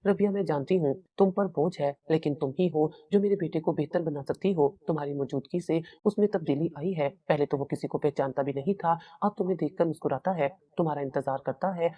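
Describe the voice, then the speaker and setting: A woman voicing an earnest, gentle older mother-in-law in storybook narration. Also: sits low, a little fast, few pauses, slightly rough, distant mic, highs cut off.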